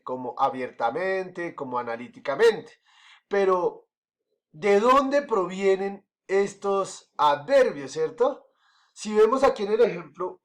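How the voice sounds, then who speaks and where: A male teacher giving a recorded grammar lesson to his class, patiently repeating each point and checking in often with the students;. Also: sits high. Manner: checks in often with "¿listo?" and "¿cierto?".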